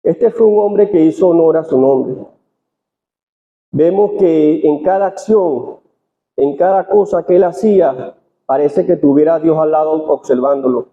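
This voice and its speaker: Venezuelan male preacher, a little high-pitched, measured sermon delivery, phone-quality recording in an echoing hall. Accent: Venezuelan Spanish. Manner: reads slowly and deliberately, with restarts. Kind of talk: sermon with scripture reading. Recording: tinny phone-line sound in a reverberant hall.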